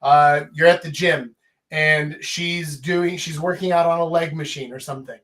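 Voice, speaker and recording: Higher-pitched man coaching informally. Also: fairly even intonation, normal speed, a bit bright. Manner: emphatic, checks in with "right?", casual swearing. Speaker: host, dating and life coach. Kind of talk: informal live coaching talk.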